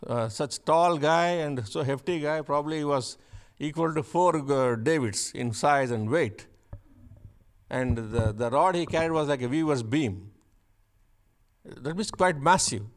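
A man preaching a sermon, shifting from chatty asides with the congregation to loud, emphatic repeated declarations. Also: fairly high pitch, measured pace. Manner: builds to loud emphatic repetition; conversational asides with laughs.

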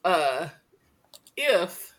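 A woman's voice: lowish voice, very animated, drawn-out words, a bit bright. A woman in her fifties co-hosting a podcast, chatting casually and often stopping to restart her sentences. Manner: rambling, self-interrupting, chatty. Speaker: podcast co-host. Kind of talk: casual chat.

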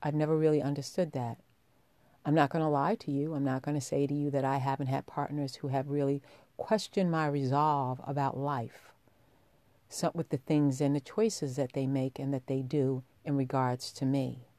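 Deep, sultry woman podcaster, dark and mellow. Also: fairly even intonation, normal speed, dry recording. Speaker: podcast host. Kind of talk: intimate podcast monologue addressed to listeners.

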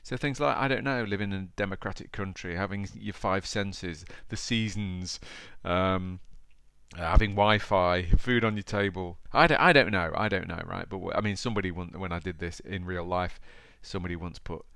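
A man's voice: sits low, normal speed, gravelly, fairly bright tone, clear, resonant tone, no room sound, studio quality. A man with an East Midlands English accent hosting a podcast, talking informally and directly to the listener in a chatty motivational style. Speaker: podcast host.

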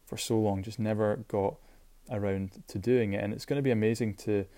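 A man with a Shetland Scottish accent talks casually as a solo podcast host. His voice sits fairly low and has a very soft, mellow tone. He is informal and enthusiastic, often circling back over his words. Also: steady tone, a little fast. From Shetland, Scotland.

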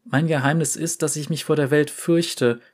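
A man voicing a shy, gentle porcelain clockwork boy in a storybook, soft-spoken and playful. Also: on the high side, steady tone, normal speed, voice pushed up, natural voice.

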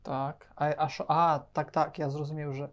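A man with a slightly high, level voice co-hosts a podcast at a normal speed. The talk is casual joking chat, and he's playful and rambling, frequently stumbling over words and starting over.

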